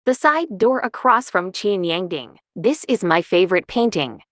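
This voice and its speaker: Calm woman narrating a winter hike. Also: medium pitch, moderate pace, dry recording, clean studio sound. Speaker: travel vlogger. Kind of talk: scripted travel narration.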